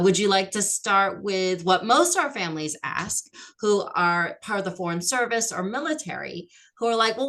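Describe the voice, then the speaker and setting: A woman whose first language isn't French hosts a casual interview chat, asking questions in a friendly, chatty way with plenty of fillers. Her voice is medium-pitched with a fairly bright tone.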